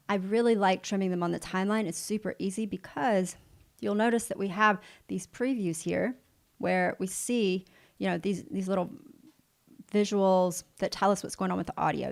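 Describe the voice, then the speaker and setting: Upbeat woman teaching with vocal fry. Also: medium pitch, moderate pace. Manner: upbeat, encouraging, talks straight to the viewer. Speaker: video editing instructor. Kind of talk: livestream software tutorial.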